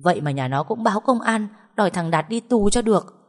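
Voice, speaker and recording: A woman voicing a doting, quick-tempered older village mother who cries, pleads and scolds. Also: medium pitch, animated, voice pushed up, natural voice. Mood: scolding.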